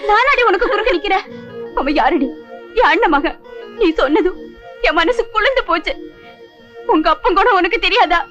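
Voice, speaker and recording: A woman's voice: extremely high pitch, expressive, moderate pace, long pauses, fairly bright tone. An actress playing a village mother who scolds her daughter and apologises to guests, in a 1980s film. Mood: scolding. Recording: dull film soundtrack with music.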